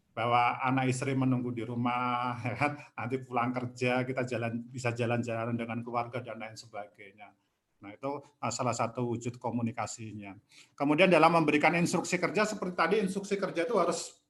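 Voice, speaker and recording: A man leads a workplace safety seminar at a medium pitch. He talks in a relaxed, conversational way, checking in with his listeners through short tag questions and light humor. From Indonesia. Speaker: safety communication trainer. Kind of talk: seminar lecture.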